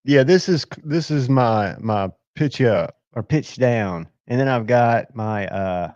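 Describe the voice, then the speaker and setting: A man's voice: mid-range voice, expressive, slow pace, darkish tone, dry recording, muffled recording. A man hosting a casual live stream, rambling and talking to himself as he checks his screens. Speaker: livestream host.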